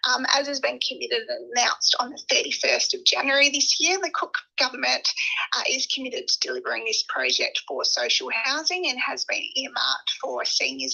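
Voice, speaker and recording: A high-voiced woman heard over a phone on speakerphone, her gravelly, bright voice dulled by the muffled phone line. She reads a formal prepared statement to a meeting as a government officer, steady but peppered with uh and um. The sound is narrow and lo-fi, as if through a room speaker. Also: a little fast. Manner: reads steadily with frequent uh and um fillers. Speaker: government department officer giving a deputation.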